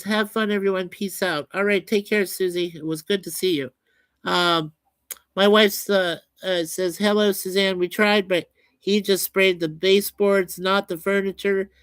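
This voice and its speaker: Reading out chat messages on his livestream, this host replies casually and folksily. His voice sits high and a bit bright, with a clear, resonant tone and no room sound.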